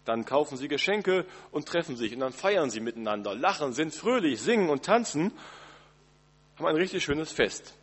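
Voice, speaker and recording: A male pastor gives a Christmas Eve sermon in a gentle, conversational way, speaking straight to his listeners. His voice is a little breathy and husky. The sound carries a long reverb from the church around him. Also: on the high side, big pitch swings, moderate pace. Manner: gentle, conversational preaching with direct address.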